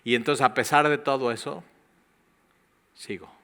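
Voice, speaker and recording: A man with a Mexican Spanish accent preaching a sermon as pastor, in a conversational, lively way with quoted asides. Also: medium pitch, moderate pace.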